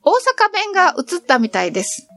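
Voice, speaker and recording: A woman's voice: very high voice, wildly swooping pitch, moderate pace, a bit bright, faint music behind. A middle-aged woman narrating her train trip in a cheerful, chatty storytelling manner. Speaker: travel vlogger. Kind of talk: scripted travel narration.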